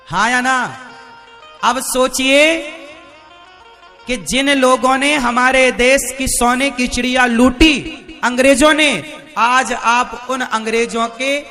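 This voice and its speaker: A man's voice: very high voice, bright, forceful tone. A man preaching a devotional sermon to a live audience, who keeps asking his listeners rhetorical questions. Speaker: religious preacher.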